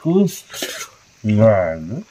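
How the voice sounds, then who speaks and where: A man's voice: lowish voice, sing-song, drawn-out words, dull audio, noisy background. Man giving short outdoor replies. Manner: short replies, mostly agreeing. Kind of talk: casual chat outdoors.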